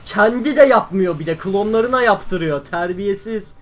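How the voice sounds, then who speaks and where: A young man from Turkey giving excitable live commentary over his own gameplay, exclaiming and grumbling as things go wrong. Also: high voice, normal speed. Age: young adult. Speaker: gaming YouTuber.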